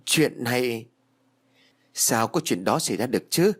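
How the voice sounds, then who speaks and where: A man voicing an evasive young husband in a spoken ghost story, talking in a hurried, defensive way. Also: mid-range voice, animated, breathy edge.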